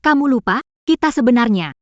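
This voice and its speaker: Actress as high-voiced, desperate jilted woman. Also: animated, brisk, dry recording, lo-fi sound, natural voice. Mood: defiant. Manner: pleading, defiant, overwrought. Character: desperate, obsessive jilted young woman crashing a wedding. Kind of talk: dubbed melodrama acting.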